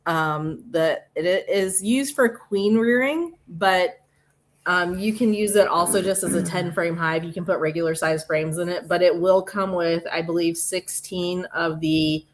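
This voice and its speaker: A woman with a Midwestern accent hosting a casual livestream, chatty and quick to laugh. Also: fairly low pitch. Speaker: livestream host.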